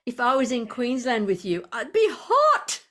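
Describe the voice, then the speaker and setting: A woman's voice: a little high, huge pitch swings, measured pace, fairly bright tone. A woman in her seventies with an Australian accent, hosting a podcast conversation in a chatty, rambling way. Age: 70s. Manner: chatty, laughs easily, rambling asides. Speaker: podcast host. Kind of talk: conversational interview.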